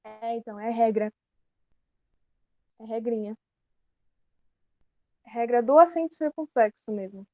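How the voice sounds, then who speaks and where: A Brazilian woman teaching a grammar lesson in a relaxed, explanatory way, often correcting herself mid-sentence. Her voice sits a little high but sounds mellow. The recording is dry and close. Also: a little slow, long pauses, no echo. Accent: Brazilian Portuguese. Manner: explanatory, casual, self-correcting.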